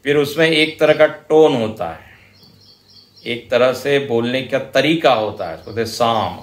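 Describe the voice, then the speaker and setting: A man with an Indian accent lectures on scripture at an unhurried, deliberate pace, stopping to chant verses. His voice sits in a middle register. The sound carries a roomy, echoing quality. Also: mid-range voice. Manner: slow, deliberate explaining with chanted examples. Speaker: spiritual teacher. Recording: roomy hall echo.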